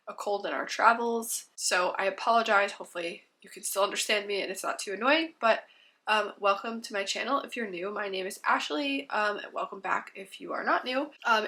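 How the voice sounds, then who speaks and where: A homeschooling mom in her thirties chats casually to the camera, congested from a cold and rambling with frequent ums. Her mid-range voice is bright and forceful.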